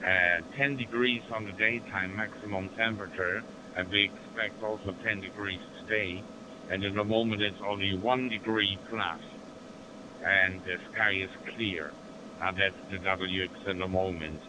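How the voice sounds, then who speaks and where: A man's voice: deep voice, steady tone, moderate pace. A man with a German accent, making amateur radio small talk in formulaic operator phrasing over a crackly link. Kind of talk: amateur radio contact chat. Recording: noisy radio link, background hum.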